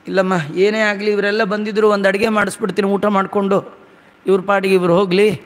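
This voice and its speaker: A man voicing the male god Srinivasa as a fretful, tearful groom, pleading quickly. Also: high-pitched, little pitch movement, close to an everyday voice. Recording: long hall reverb.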